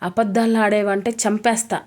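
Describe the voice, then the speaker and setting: A woman's voice: medium pitch, little pitch movement, moderate pace, lightly acted. A woman reading a stern suspicious young man. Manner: sharp questioning, scolding.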